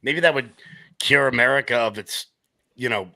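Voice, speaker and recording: A man on a casual panel chat who talks in a joking, sarcastic way with animated asides. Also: medium pitch, normal speed, creaky, dry recording, poor audio.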